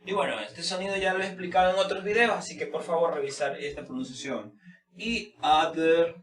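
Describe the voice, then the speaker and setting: A man's voice: high-pitched, a bit bright, distant mic. Echoey man explaining at length. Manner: explains slowly with many fillers, repeating English words. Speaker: English pronunciation teacher. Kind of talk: informal spoken lesson.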